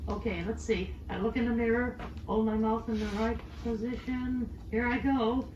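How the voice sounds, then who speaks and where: Squeaky, high-pitched boyish ventriloquist dummy. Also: male voice, fairly even intonation, a little mellow, distant mic. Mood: earnest. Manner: eager, hesitant, repeating practice phrases slowly. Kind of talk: scripted comic instructional dialogue. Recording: roomy, dull, faintly noisy old record.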